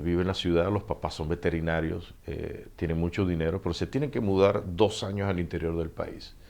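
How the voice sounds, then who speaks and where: A middle-aged man with a Panamanian Spanish accent, an author telling stories in a casual interview and acting out the dialogue. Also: deep voice. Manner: animated storyteller, acts out dialogue, laughs often. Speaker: author guest.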